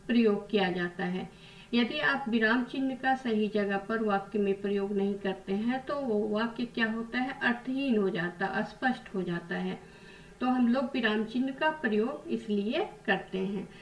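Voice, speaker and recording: Woman teacher, patient, echoey distant mic. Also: a little high. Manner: patient, asks questions and answers them herself. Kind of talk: Hindi grammar lesson.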